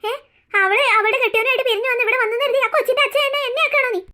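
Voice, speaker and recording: A short-tempered middle-aged cartoon husband, voiced by a woman, scolds in a gruff, clipped way. The voice is very high for a man and talks fast. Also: sharp tone. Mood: puzzled. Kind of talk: cartoon dubbing.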